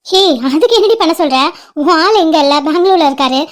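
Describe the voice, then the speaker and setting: A woman's voice: extremely high pitch, expressive, fairly quick. Woman doing a breezy, teasing cartoon girlfriend. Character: cheerful young woman in love, teasing friend. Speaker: friend on an outing. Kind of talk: animated cartoon voice acting.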